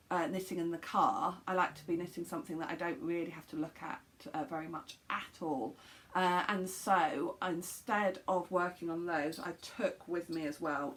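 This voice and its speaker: Poor audio captures a woman's low, slightly croaky voice with a bit of brightness as she chats to camera at home. She's a knitting podcast host, rambling casually with lots of ums and restarts.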